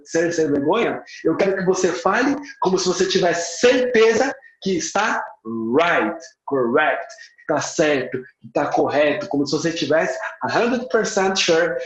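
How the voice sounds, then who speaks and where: High-voiced Brazilian English teacher. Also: male voice. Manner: says phrases in English, then repeats them in Portuguese; lively, stretches key words for emphasis. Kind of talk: live online English lesson. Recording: echoey room, slightly dull sound.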